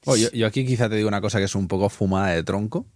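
Podcast host, lowish voice, relaxed and slangy. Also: male voice, very fast, no echo, studio quality. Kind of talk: casual podcast chat.

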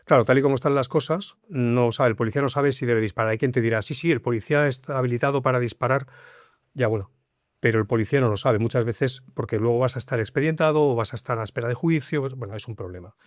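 A middle-aged man, a police officer, telling a story in a relaxed chat and acting out the dialogue as he goes. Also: medium pitch, fast, dry recording, clean studio sound. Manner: animated, acts out dialogue in his tale. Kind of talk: conversational storytelling.

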